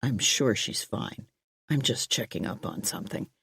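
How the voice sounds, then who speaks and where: A woman voicing a calm, dry male police chief in an audiobook, lowering and quieting her voice. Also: creaky, husky, no echo, exaggerated voice. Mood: measured. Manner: low, quiet and measured.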